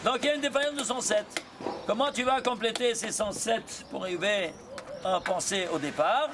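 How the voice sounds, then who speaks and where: High-voiced man teaching a Torah class. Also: noisy background. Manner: quizzes students with rapid rhetorical questions; mixes Hebrew terms into his talk. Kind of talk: lively Torah lesson.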